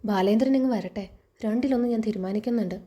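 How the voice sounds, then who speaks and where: A woman's voice: medium pitch, quick pace, warm tone, close to an everyday voice. A woman reading the lines of a domineering, wealthy middle-aged lady of the house in a scornful, scolding way.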